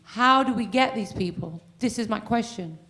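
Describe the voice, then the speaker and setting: A woman in the audience asking a long earnest question at a public meeting, pausing with fillers. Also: fairly high pitch, pushed and bright, a little hiss or hum. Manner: earnest, pauses with um. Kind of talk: question from the floor.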